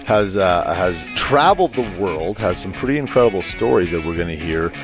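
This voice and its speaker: A man with a fairly low voice hosts a relaxed podcast interview, chatty and eager. He rambles and restarts his sentences, with faint music under the talk. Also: normal speed. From Canada. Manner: enthusiastic, rambling with many fillers and restarts. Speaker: podcast host. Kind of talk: casual interview chat.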